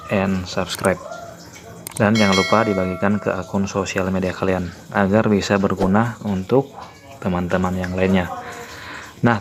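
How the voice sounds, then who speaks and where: A man hosting a tutorial channel, walking viewers through a phone app in a plain explanatory way. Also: sits low. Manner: plain explanatory, repeats "ya, teman-teman" fillers.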